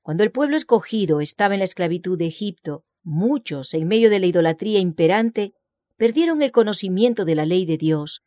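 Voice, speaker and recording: A woman's voice: mid-range voice, animated, dark tone, no echo. Woman reading religious text, dry sound. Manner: measured, solemn reading with scripture citations. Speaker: reader of a religious book. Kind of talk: scripted narration.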